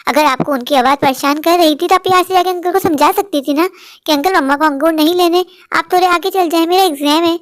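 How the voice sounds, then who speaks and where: A woman voicing a patient cartoon mother who explains things softly and calmly. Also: extremely high pitch, fast talker, dry recording, studio quality. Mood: gentle. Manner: soft calm explaining.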